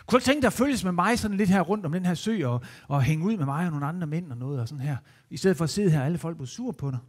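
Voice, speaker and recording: A man voicing a gentle, kindly teacher who speaks in a calm, easygoing and inviting way. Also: a little high, long reverb tail.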